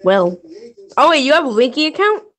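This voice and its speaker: A woman's voice: sits high, very animated, brisk, fairly bright tone. A woman co-hosting a casual story-reading stream, giggly and stumbling over her words.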